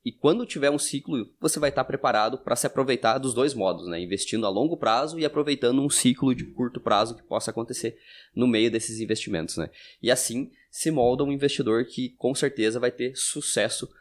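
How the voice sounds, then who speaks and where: A man's voice: medium pitch, a little fast. A man in his thirties with a Brazilian Portuguese accent, co-hosting an investing podcast, affirming his partner and signing off to listeners. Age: 30s. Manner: affirming, wraps up with sign-off. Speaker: podcast co-host. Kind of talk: casual investing podcast chat.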